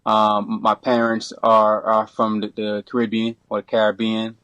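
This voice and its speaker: A middle-aged man from Brooklyn, a podcast guest who talks in a relaxed, rambling way, full of restarts and you-knows. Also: lowish voice, moderate pace, no room sound, dull audio. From Brooklyn, New York. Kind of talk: casual interview.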